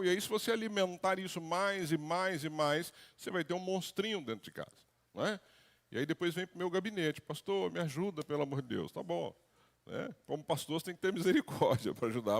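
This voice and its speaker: A middle-aged man preaching a conversational sermon as pastor, slipping into acted quotes. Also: on the high side. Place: church hall. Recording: long hall reverb.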